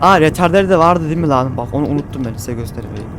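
A man giving excitable, swearing commentary while playing a truck driving game, his mouth numb from a dental injection. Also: a little high, fast, a little hiss or hum. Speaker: gaming streamer. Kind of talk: casual gameplay commentary.

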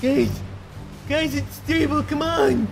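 A man doing a dry, gravelly alien sidekick. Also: very high-pitched, fairly even intonation, slow, loud music behind the voice, heavily acted. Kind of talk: machinima comedy voice acting.

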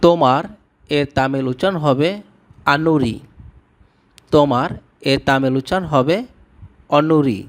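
A man who speaks Bengali as his first language, giving a scripted language lesson and slowly repeating each word with its meaning. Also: mid-range voice. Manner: slow, repetitive word-by-word drilling. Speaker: language teacher.

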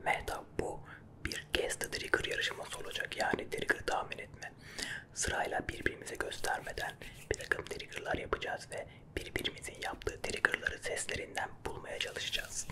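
Male ASMR creator, whispers softly and quietly for late-night listening, playful game chat. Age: 30s. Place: small dim room at a desk, indoors. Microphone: close microphone with furry windscreen.

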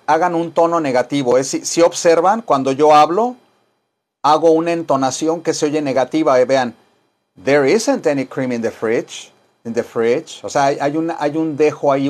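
A man teaching an English lesson, drilling phrases with slow repetition and modeling English sentences. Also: fairly high pitch, steady tone.

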